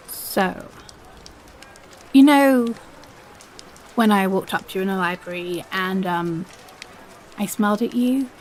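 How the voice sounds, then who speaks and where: A woman playing a shy, nervous young woman in an audio role-play, speaking haltingly and putting herself down as she confesses a crush. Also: medium pitch, rough recording. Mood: shy, flustered. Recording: faint background noise.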